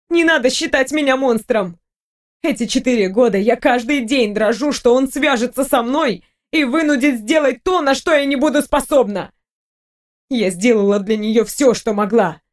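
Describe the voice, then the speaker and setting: A woman reading an audiobook, voicing a quiet, guarded young woman scientist. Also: high-pitched, pitched above the performer's own voice, natural voice. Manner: quiet, pleading.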